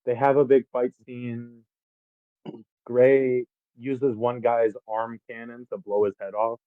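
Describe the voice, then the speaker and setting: A man's voice: medium pitch, level tone, slow pace, dry recording. A man co-hosting a podcast, chatting casually about a film and recapping its plot with the odd swear word. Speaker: podcast co-host. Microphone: faulty microphone. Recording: tinny phone-like mic.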